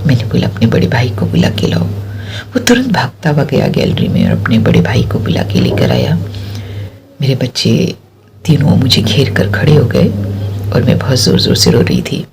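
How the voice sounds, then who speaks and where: A middle-aged woman telling her personal testimony in a soft, often whispery storytelling voice. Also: extremely low pitch, wildly swooping pitch, normal speed, vocal fry, noisy background. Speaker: testimony speaker.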